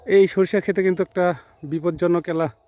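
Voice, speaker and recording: A man's voice: sits high, steady tone, quick pace, mellow. A man narrating a travel vlog outdoors in the fields, speaking straight to his viewers and pointing things out as he films. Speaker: travel vlogger. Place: outdoors by mustard fields at a border.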